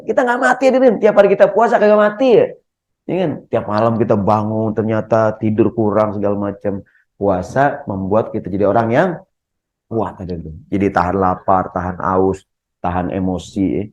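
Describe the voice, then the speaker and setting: Jokey preacher in a mosque. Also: male voice, medium pitch. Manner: lively, jokey, keeps asking the audience questions. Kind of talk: humorous Ramadan sermon.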